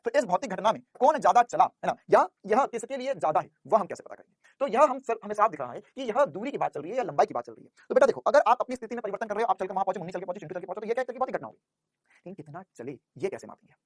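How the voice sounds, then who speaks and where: Fast, lively male physics teacher. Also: high voice, no echo, studio quality. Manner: asks questions and answers them himself, calls students "बेटा". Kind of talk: classroom physics lecture.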